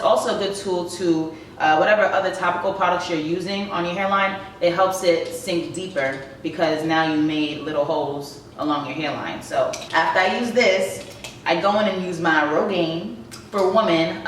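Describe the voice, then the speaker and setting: A woman vlogging in a chatty, fast-talking way, laughing at herself now and then, speaking to the camera. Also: on the low side, slight background noise. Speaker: beauty vlogger. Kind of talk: casual talk to camera. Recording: echoey room, far from the mic.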